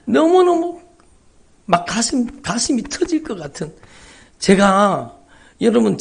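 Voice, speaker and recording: Man, pastor, emotional sermon testimony, very gravelly, raspy. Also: high-pitched. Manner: dramatic storytelling with swings between loud cries and hushed whispers. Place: large church sanctuary.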